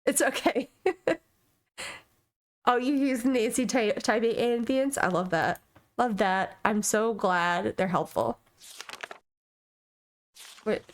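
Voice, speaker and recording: A woman's voice: on the high side, slow, pauses often. A woman streaming a video game, chatting casually, reading in-game documents aloud, and reacting with amused asides.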